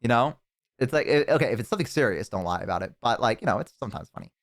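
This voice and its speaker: A young man on a live stream talks casually to his chat at a racing pace and medium pitch. He tells rambling, profane stories and slips into animated impressions.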